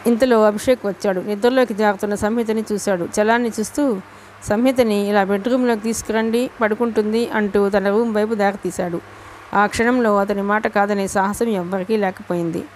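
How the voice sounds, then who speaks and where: A woman's voice: medium pitch, slight background noise. A woman narrating a romance novel as an audiobook, telling the story steadily and sometimes restarting a word. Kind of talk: reading a Telugu novel aloud.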